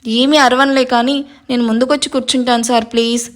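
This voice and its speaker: A woman's voice: fairly high pitch, flat delivery, brisk, close to an everyday voice. A woman voicing a timid young woman who politely pleads in a spoken storybook. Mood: pleading.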